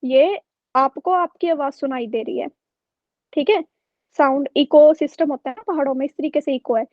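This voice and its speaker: A woman teacher voicing a gentle, reassuring father in a story she tells her class. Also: high-pitched, normal speed, dry recording, muffled recording, lightly acted. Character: calm caring father, adult man.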